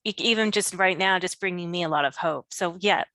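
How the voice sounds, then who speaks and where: A woman's voice: fairly low pitch, fairly quick, pushed and bright, no room sound. A woman hosting an interview, encouraging her guest and telling her how much she enjoys the conversation. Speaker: host.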